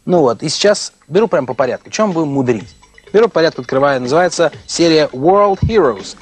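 A man in his thirties presenting a TV show and interviewing guests in a jokey, theatrical way, with a husky voice. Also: a little high, animated, fast talker, faint music behind. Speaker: TV show host. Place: small TV studio.

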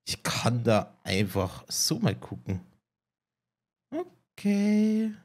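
A man's voice: medium pitch, wildly swooping pitch, drawn-out words, darkish tone, a little hiss or hum. A man casually commenting while he plays a game, musing aloud and poking fun at himself. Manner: musing, self-mocking, talks to himself while playing. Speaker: let's play gamer. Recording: game music behind the voice.

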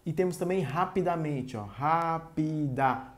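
Low, mellow-voiced Brazilian woman teacher. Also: normal speed. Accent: Brazilian Portuguese. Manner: didactic, drawing out syllables of example words. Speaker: grammar teacher. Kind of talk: short online grammar lesson.

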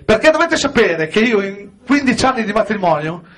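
Man, stand-up comic, high voice, bright, punchy audience jokes. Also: sing-song, brisk. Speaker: stand-up comedian. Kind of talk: stand-up comedy on stage. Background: audience laughter.

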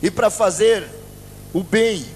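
Man with a Brazilian accent, middle-aged, high voice, grave testimony in short phrases, handheld mic, echoing church hall. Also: darkish tone, a little hiss or hum. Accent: Brazilian Portuguese. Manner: earnest, grave, pausing after each phrase. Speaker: guest giving a testimony. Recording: reverberant church hall with faint music.

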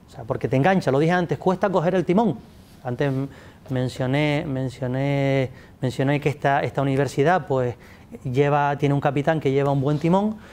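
His voice is a little high and a little mellow. A literature scholar in his forties and native English speaker, he's the guest in a pink-backdrop studio, taking interview questions on literature at a table mic while frequently restarting, gesturing a lot, and addressing the audience.

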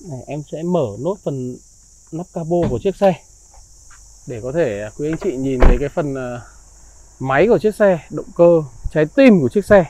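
A man giving a slick, polite used car salesman's walkaround pitch, praising and reassuring as he goes. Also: lively intonation, normal speed, mellow, slight background noise, rough recording. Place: outdoors beside and inside a parked car.

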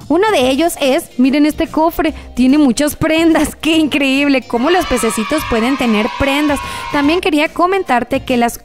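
A woman hosting gameplay commentary, playing a frazzled mother in a theatrical, exclamatory way and talking straight to her viewers. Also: high voice. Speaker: gaming channel host.

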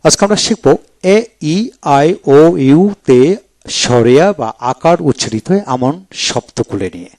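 A man teaching English pronunciation in a video lecture, spelling letters out and repeating each word slowly. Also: mid-range voice, big pitch swings, a little mellow, no room sound. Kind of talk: video lecture, drilling words aloud.

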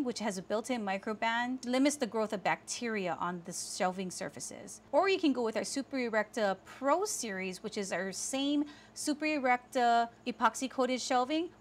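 A woman, presenting kitchen storage products to camera in a clear, instructive way from a small indoor studio set. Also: mid-range voice, slight background noise. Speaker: sales rep presenting products. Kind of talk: scripted product explainer.

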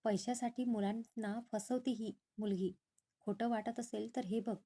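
A woman's voice: on the high side, steady tone, measured pace, dark tone, husky. A woman voicing a stern, wealthy older father who speaks scornfully and accuses.

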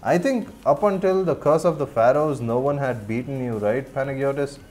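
A man's voice: mid-range voice, moderate pace, darkish tone. A man with an Indian accent chatting casually with viewers as he streams, laughing often and answering chat as he plays. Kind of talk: casual gameplay commentary.

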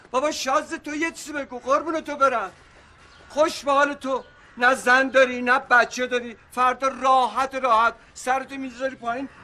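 A man's voice: very high voice, bright, forceful tone, exaggerated voice. An actor playing a middle-aged husband back from his supposed death, pleading and joking with his angry family in a comic TV series. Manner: pleading and joking, then exasperated. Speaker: father of the family.

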